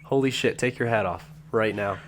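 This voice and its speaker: Man, lowish voice, faint background noise, podcast co-host, casual banter, sweary, boastful. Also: normal speed.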